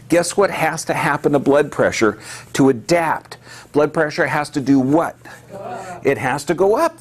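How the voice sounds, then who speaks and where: Speaking on the high side, a man delivers a forceful health lecture before a live audience, rapidly posing rhetorical questions and supplying the answers himself.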